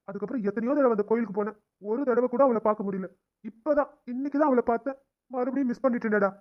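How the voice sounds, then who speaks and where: A man voicing brisk young cartoon doctors. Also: sits high, lo-fi sound, natural voice. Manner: brisk, chummy banter. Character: young male doctors, the hero and his friend. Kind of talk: cartoon drama dialogue.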